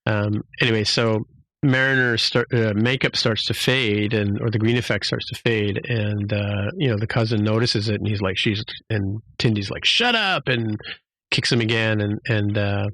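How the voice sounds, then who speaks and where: A man hosting a podcast, retelling a show scene by scene in a loose, rambling way. He keeps stopping to restart his sentences and jumps into little acted-out lines from the characters. His voice sits a little low and sounds dry and close. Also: flat delivery, moderate pace, a bit bright, dry recording, low-quality recording. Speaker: podcast host. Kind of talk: casual episode recap.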